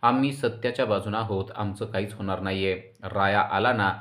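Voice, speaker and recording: Guy reading an annoyed young woman, low voice, firm. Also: steady tone, fairly quick, fairly bright tone, lightly acted. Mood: indignant. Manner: indignant. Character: indignant, hopeful young woman.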